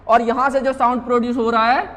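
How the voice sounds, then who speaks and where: A man's voice: very high-pitched, little pitch movement, fast talker, bright, forceful tone, in a large hall. A man teaching an exam-prep grammar lesson, explaining step by step by asking rhetorical questions and answering them himself, with frequent checks that students are following. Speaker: English grammar teacher at a coaching class.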